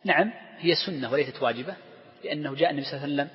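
A man teaches a class on Islamic law at a brisk, rapid clip. He walks through each point and throws rhetorical questions at his students. The sound is muffled and lo-fi, with a long reverb trailing off each phrase as if in a large hall. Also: a little high. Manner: explains step by step, asks the class rhetorical questions. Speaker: Islamic scholar teaching a text.

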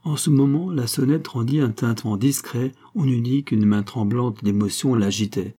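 A man narrating a classic novel as an audiobook in a measured, steady reading. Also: medium pitch.

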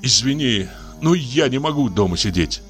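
A man's voice: medium pitch, expressive, normal speed, faint music behind, pitched above the performer's own voice, close to an everyday voice. A man reading an audiobook voices a nervous young man pleading with a friend in a trembling voice. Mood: pleading, desperate.

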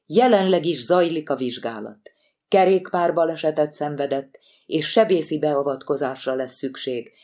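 A woman voicing a calm, formal woman social worker on the phone, in an audiobook. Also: low-pitched, natural voice.

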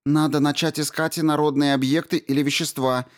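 A man doing a brisk commanding female doctor. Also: fairly high pitch, little pitch movement, voice pushed up, close to an everyday voice. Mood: urgent brisk. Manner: urgent, commanding. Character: brisk female mission doctor giving orders.

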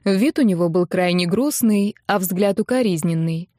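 A woman narrating a first-person novel in a steady storytelling voice. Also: medium pitch, normal speed, dry recording, clean studio sound. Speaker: audiobook narrator.

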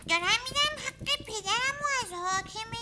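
A woman's voice: very high voice, expressive. A woman voicing a tiny, big-hearted boy, earnest and determined, in a radio play. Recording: loud hiss on old broadcast tape.

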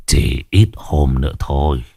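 A man voicing a vengeful old male sorcerer who mutters low threats. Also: unhurried, creaky, dark tone, husky, no echo, clean studio sound, exaggerated voice. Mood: menacing.

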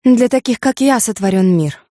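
A woman voicing a proud young beauty, delivered in shrill, impassioned bursts. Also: lively intonation, normal speed, dark tone, no room sound, studio quality, close to an everyday voice. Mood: haughty.

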